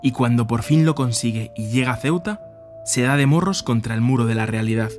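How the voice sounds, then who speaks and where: A man narrating a documentary podcast from a script in a measured, descriptive way. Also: mid-range voice, soft background music.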